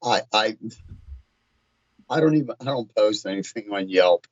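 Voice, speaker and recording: A man's voice: fairly low pitch, lively intonation, no echo. Hesitant man telling stories on a dull line. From Virginia, US. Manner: halting, restarts often, storytelling. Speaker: guest, tint shop owner. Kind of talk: podcast interview.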